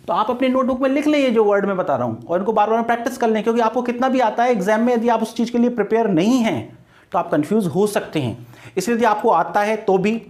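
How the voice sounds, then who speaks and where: A man's voice: sits high, a little mellow. A man teaching English vocabulary for exam prep, spelling words out letter by letter and repeating key words. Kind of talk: online exam-prep lecture.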